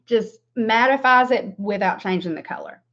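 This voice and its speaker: A woman's voice: fairly high pitch, normal speed, fairly bright tone. A woman in her forties with a Southern US drawl, chatting casually and rambling through a livestream makeup tutorial with self-deprecating asides. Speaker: beauty livestream host and makeup seller. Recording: dull lo-fi webcam stream.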